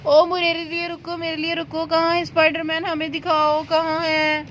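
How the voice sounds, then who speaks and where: Bright cheerful woman telling doll stories. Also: extremely high pitch, completely flat delivery, slight background noise. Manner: cheerful, exclamatory. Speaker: doll story narrator. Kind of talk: playful doll play storytelling.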